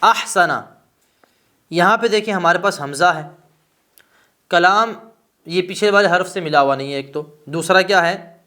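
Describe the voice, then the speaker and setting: Male teacher, higher voice, patient classroom delivery, answers his own questions and slows to sound out examples. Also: sharp tone. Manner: asks rhetorical questions and answers them himself; slows down to spell out example words. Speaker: teacher of Arabic grammar. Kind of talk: classroom grammar lesson.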